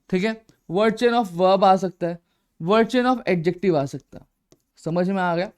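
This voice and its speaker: A man teaching a grammar lesson, animated and jokey, who keeps checking that the class has understood. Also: very high-pitched, smooth.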